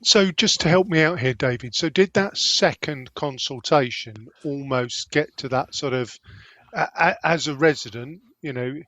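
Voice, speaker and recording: A man's voice: mid-range voice, moderate pace, fairly bright tone, no room sound. A man hosting a discussion, asking questions casually in tentative, roundabout phrasing. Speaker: discussion host. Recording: dull lo-fi microphone.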